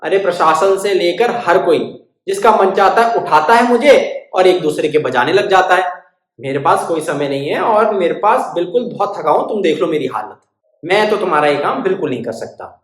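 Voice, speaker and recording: A woman's voice: on the low side, expressive, moderate pace, natural voice. Woman doing a worn-out grumbling stick. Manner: tired, complaining. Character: overworked grumbling male stick. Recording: roomy echo.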